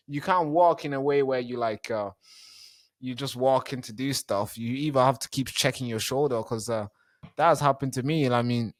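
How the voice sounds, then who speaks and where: A young man hosting a podcast over a remote call, talking in a relaxed, chatty way with frequent restarts. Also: mid-range voice. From born in a refugee camp in Tanzania. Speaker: podcast host. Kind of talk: casual interview chat.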